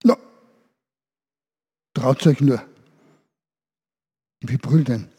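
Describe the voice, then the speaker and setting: A man's voice: mid-range voice, drawn-out words, husky. A man leading a children's service, telling a story and asking the children questions. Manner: animated, asks children questions.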